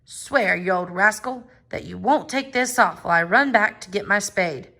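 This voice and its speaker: A woman's voice: medium pitch, normal speed, sharp tone. A woman voicing a cocky, eager young man who thinks himself clever, in a storybook tale. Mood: insistent. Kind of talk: storybook character voice.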